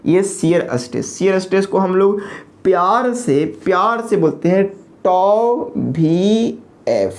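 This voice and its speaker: A woman giving an engineering lecture, posing questions to the class and answering them herself, repeating key terms slowly. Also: on the low side, darkish tone.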